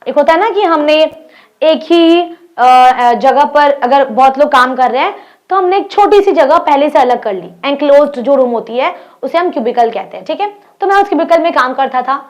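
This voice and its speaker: A young woman teacher with an Indian accent, explaining an English textbook story in Hindi, reading the English lines slowly and asking her students questions. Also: high-pitched, lively intonation.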